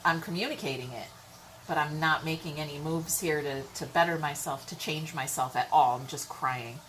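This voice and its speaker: The recording is rough, with slight background noise, as a woman with a low, slightly bright voice reads tarot at normal speed. Chatty and blunt, she keeps checking in with "okay?" and "all right?"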